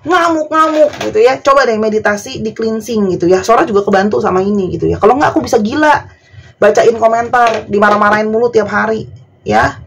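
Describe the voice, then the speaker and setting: A woman's voice: on the high side, a little fast, gravelly, slight background noise. A woman tarot reader talking to her viewers in a casual, chatty, pleading way. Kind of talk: casual vlog monologue.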